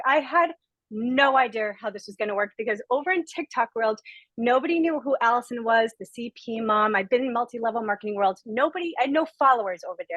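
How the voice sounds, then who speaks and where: A woman's voice: a little high, fairly bright tone, dry recording, low-quality recording. A woman from Rhode Island giving a heartfelt, gushing testimonial as a guest on a video-call webinar. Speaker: guest speaker.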